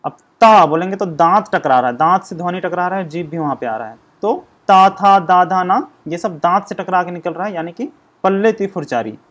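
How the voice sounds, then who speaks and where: A man teaching an exam-prep grammar lesson, explaining slowly and sounding out syllables one by one. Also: high-pitched, expressive, fairly bright tone. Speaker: language teacher.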